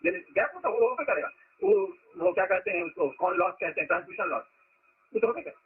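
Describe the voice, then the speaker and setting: A man's voice: high-pitched, sing-song, fairly quick, narrow, tinny audio, slight background noise. A man giving an informal spiritual discourse as a teacher, talking conversationally and asking rhetorical questions.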